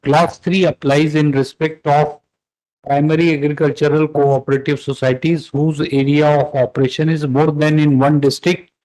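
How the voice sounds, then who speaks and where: Presiding over a live-streamed court hearing, a judge with an Indian accent questions and instructs from the bench with authority. His voice is a little high and darkish, with a flat delivery at normal speed, and the audio is poor.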